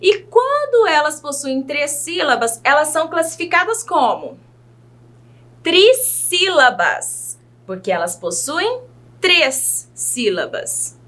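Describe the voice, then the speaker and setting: Woman teacher from Brazil, children's lesson; high, lively pitch, very slow, patient delivery. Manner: slow, exaggerated enunciation of words; patient, asks questions to young learners.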